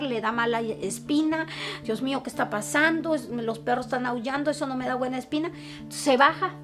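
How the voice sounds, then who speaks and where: A middle-aged woman with a Mexican Spanish accent, grieving, telling a painful story with anguish and voicing the words of others. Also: on the high side. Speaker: interviewee, bereaved mother. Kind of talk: emotional personal testimony. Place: her family home. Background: soft guitar music.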